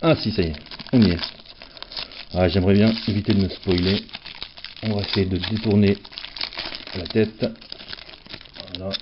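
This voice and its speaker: A man talks through opening packs of cards in a relaxed, joking way, often poking fun at himself. His voice sits on the low side. The recording is dull and lo-fi. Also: moderate pace, pauses often, noisy background. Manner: chatty, self-mocking, playful. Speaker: card collector opening packs. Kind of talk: casual unboxing commentary.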